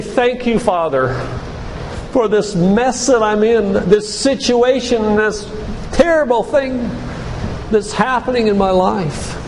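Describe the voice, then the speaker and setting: A physician with a high, slightly mellow voice preaches a sermon-like faith lecture to a church congregation, emphatic and full of rhetorical questions. The recording carries the echo of the church hall and some background noise.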